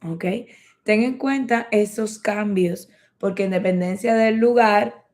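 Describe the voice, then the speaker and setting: A woman teaching English in a lesson, slowly repeating phrases for learners to practice. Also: mid-range voice, a little mellow. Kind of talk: bilingual language lesson.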